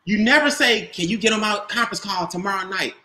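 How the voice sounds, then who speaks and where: A man's voice: high voice, quick pace, sharp tone, echoey room. Emphatic man coaching on a video call. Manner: emphatic, repeats key points, quizzes listeners. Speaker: business trainer.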